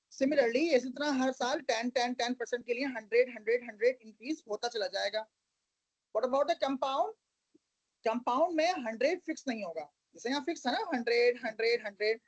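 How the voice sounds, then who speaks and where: A woman's voice: on the high side, husky, dry recording, low-quality recording. A woman teaching a math lesson, explaining each step patiently and checking that her students follow. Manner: patient, step-by-step, calls listeners "beta" and asks check questions. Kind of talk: recorded math lesson, mixing English into explanations.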